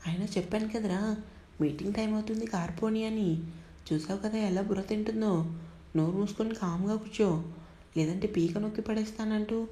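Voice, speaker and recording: A woman's voice: mid-range voice, fairly even intonation, brisk, mellow, natural voice. A woman voicing a short-tempered young man who scolds rudely, in a story reading. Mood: angry. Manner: scolding, rude. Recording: echoey room, faint hiss.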